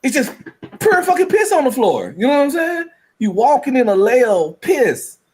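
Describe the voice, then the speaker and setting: A man's voice: very high-pitched, huge pitch swings, moderate pace, a little mellow, breathy edge. A man chatting loosely and rambling, laughing between lines. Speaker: podcast co-host. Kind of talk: casual chat.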